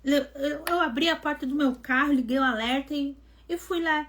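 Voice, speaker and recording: High-voiced woman telling a testimony. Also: normal speed. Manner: animated storytelling, acting out quoted dialogue; conversational, addresses listeners as gente. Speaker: devotional mentor and host. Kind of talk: testimony in a live online devotional.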